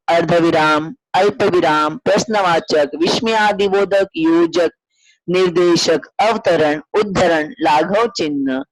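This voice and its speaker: Woman teacher, dry, deliberate lesson voice. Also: fairly low pitch, no room sound, poor audio. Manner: steady, deliberate explanation with spoken examples. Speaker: school Hindi teacher. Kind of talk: reading slide-based grammar lesson.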